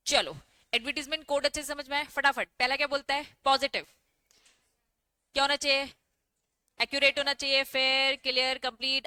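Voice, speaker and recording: A woman teacher giving an online class, lively, putting questions to the class and answering them herself. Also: a little high, no echo.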